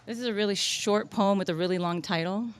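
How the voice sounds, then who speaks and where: Between poems at a live coffee shop reading, a woman makes casual, self-deprecating remarks, while the poems themselves come out deliberate and measured. She has a mid-range voice, and the recording is very noisy.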